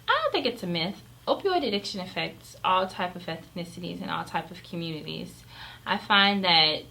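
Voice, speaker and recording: A woman who is a pediatric emergency doctor, giving measured, earnest answers in an interview. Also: mid-range voice, creaky, sharp tone, rough recording.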